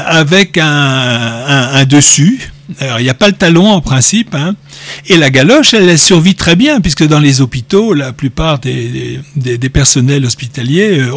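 Chatty man with a higher voice. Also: no echo. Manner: digressive, joking, hesitant with many repeats. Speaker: speaker explaining word origins. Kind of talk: informal spoken talk.

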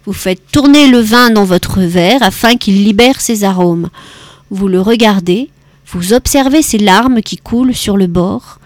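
A woman voicing a cantankerous 88-year-old male winegrower who is gruff but kind at heart, blustering and lecturing in an audiobook. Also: a little slow, no echo, lightly acted. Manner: blustering, lecturing, louder and higher than narration. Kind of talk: audiobook character voice.

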